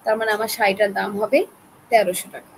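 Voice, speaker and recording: A woman with a Bangladeshi accent teaching an online class, chatty and coaxing, keeping her voice soft to spare her throat. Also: mid-range voice, little pitch movement, quick pace, vocal fry, a little hiss or hum, low-quality recording. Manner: chatty, coaxing, talks straight to learners.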